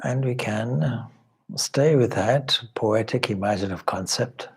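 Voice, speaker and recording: In a medium-pitched voice with a breathy edge, a spiritual teacher delivers guided meditation, speaking slow instructions in short, measured phrases. His language is formal and contemplative, and he leaves long pauses between lines.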